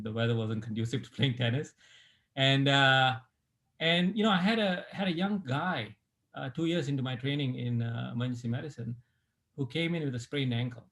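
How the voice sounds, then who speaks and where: Speaking at a medium pitch, this middle-aged man from Malaysia, a doctor in sports medicine, walks an interviewer through his life story. His delivery is easygoing, full of filler words and false starts.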